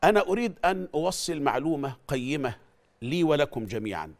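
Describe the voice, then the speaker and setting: A middle-aged man with an Egyptian Arabic accent, teaching Quran recitation, explaining in an animated way and repeating phrases to drill how they are said. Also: on the high side, fast. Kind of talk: Quran recitation lesson with chanted verses.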